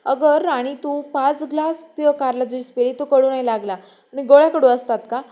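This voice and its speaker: A woman speaking as a young man, impatient and protective, pleading one moment and firm the next. The voice is high with a soft, mellow tone, more retelling than full acting. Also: fairly even intonation, normal speed, natural voice. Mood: chiding. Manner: pleading then firm, talks down to listener. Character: young man defending his ill girlfriend, impatient.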